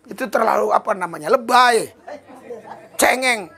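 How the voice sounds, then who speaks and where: A male pastor preaching a lively sermon to a church congregation, often laughing and slipping into playful voices to act out prayers. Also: high voice, normal speed, creaky, husky, some chatter behind.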